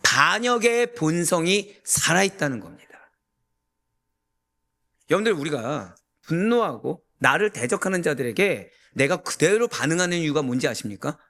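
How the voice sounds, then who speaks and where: A man preaching a sermon as a pastor, emphatic and full of rhetorical questions to the congregation, rising to near-shouts. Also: fairly high pitch, big pitch swings, moderate pace.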